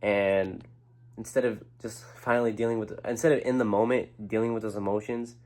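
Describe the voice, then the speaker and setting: Fast-talking young man, earnest and rambling. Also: on the low side, fairly even intonation, darkish tone. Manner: rambling, earnest, frequent restarts and swearing. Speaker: vlogger. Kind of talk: personal talk to camera.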